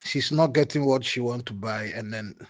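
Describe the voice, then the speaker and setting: A man speaking in a recorded voice message, slow and preachy, repeating his points. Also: mid-range voice. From Ghana. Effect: recorded voice message played back. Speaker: caller sending a voice note.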